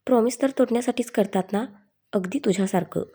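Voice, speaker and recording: A woman's voice: mid-range voice, fairly quick, mellow, slightly rough. A woman voicing a young woman friend in a story reading, stern and teasing.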